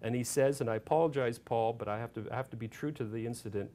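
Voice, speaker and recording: A man's voice: mid-range voice, heavy background noise. A man giving a public talk as an author, telling a field anecdote with lots of fillers and restarts, from Canada. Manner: halting anecdote, many fillers, gets animated and loud retelling shouts.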